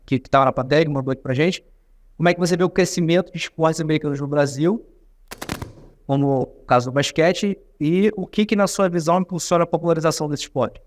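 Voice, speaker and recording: A man's voice: a little high, fast talker. Man moderating a panel, reading questions. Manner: brief and supportive, reading out audience questions.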